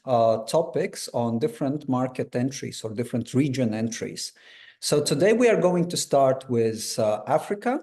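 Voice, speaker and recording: A man with a mellow, mid-range voice hosts a webinar interview over a video call, keeping the talk friendly, loose and conversational.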